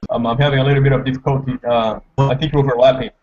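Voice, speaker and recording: A man from Brazil talks in a mid-range voice over a crackly call line that keeps breaking up. His delivery is hesitant and halting. The muffled headset audio sounds dull and lo-fi. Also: medium pitch, fairly even intonation, darkish tone. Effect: crackly, breaking-up remote call line. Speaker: guest trader on a live market show. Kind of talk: remote interview call.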